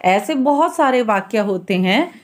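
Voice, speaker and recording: A woman Hindi teacher giving a grammar lesson, explaining slowly and patiently with small fillers. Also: on the high side, animated.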